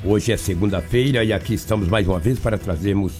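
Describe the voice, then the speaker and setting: A Brazilian man co-hosts live radio news in a low voice. He speaks as a presenter greeting the audience, with faint music underneath. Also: quick pace, darkish tone. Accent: Brazilian Portuguese.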